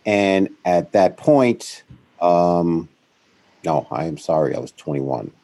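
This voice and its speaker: A middle-aged man who founded a financial firm tells his career story as an interview guest, rambling and correcting himself and growing animated when he quotes others. His voice is low-pitched and slow.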